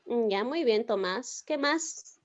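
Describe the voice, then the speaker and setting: A woman's voice: on the high side, animated, takes it slowly, no echo. A woman teacher giving an online class, explaining step by step and often checking with the students. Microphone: video call.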